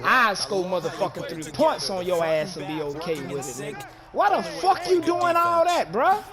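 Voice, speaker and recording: A man's voice: high-pitched, very animated, moderate pace, over music. A man streaming a football video game, cursing and trash-talking his opponent as he plays. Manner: profane, rowdy, shouts and jeers at his opponent. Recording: loud stadium crowd noise from the game.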